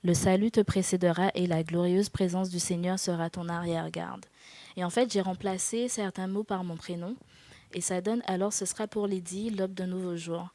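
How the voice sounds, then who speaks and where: A woman in her twenties giving a personal faith testimony in an interview, earnest and hesitant, with soft laughs. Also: on the low side, steady tone, normal speed. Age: 20s. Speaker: guest.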